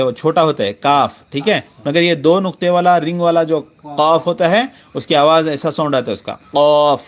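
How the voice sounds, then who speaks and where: Man drilling letter sounds in a lesson. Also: fairly high pitch. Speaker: teacher. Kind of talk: Quran reading lesson.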